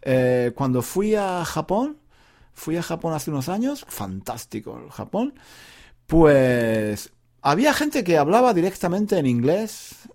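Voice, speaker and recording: A man's voice: on the high side, sing-song, unhurried, darkish tone. A man from Spain hosting a podcast alone, in a rambling, self-correcting casual monologue full of rhetorical tags and restarts. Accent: Spain Spanish. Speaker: podcast host.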